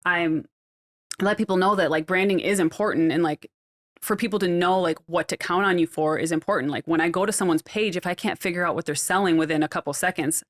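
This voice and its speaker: A middle-aged woman with a Midwestern American accent chats on a podcast. Her voice sits a little low, and her talk is loose and friendly, full of fillers and small laughs. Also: fast talker. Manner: chatty, laughs often, uses many fillers. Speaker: podcast guest, hair stylist. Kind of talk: casual podcast chat.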